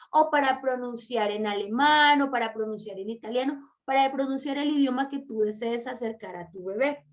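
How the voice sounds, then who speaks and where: A woman giving an online masterclass lecture to mothers, explaining patiently and stressing key words, addressing the listener directly. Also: high-pitched. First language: Spanish. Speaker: early-childhood language teacher.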